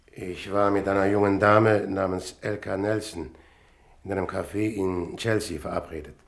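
In a German radio crime drama, an actor plays a calm, courteous investigator. His male voice sits low and gravelly, and his delivery is measured and polite.

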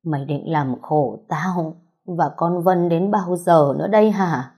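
A woman voicing an elderly grandmother, worn out and bitter, with a hoarse, husky voice, reading a story aloud. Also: lowish voice, a little slow, dark tone. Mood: bitter scolding. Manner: scolding and lamenting. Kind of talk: audiobook storytelling.

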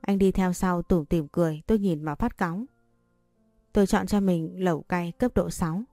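A woman narrating a romance story in the first person, steady and measured. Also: lowish voice, no echo, studio quality, faint music behind. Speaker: audiobook narrator.

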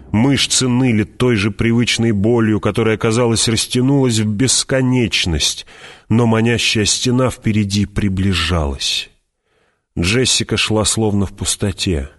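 A man narrating an audiobook in a measured, dramatic way, dropping his voice and slowing down at tense moments. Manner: measured, drops voice low and slows on tense moments.

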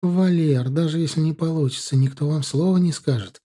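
A man voicing a calm, level-headed young bride who speaks soothingly. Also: on the high side, fairly quick, close to an everyday voice.

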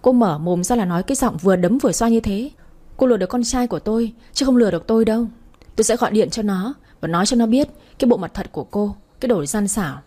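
A scornful, sharp-tongued old mother-in-law, as a woman reading a storybook puts her on, scolding fast and shrill, then sliding into a low, pitiful wail. The voice is mellow and a little husky underneath. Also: expressive, natural voice. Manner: scolding, then wailing self-pity.

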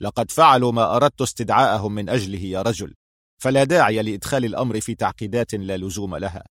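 A commanding male intelligence chief speaks with sharp authority, as a narrator puts him on. His voice is firm and brisk. The recording is dry and close. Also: lowish voice, no echo.

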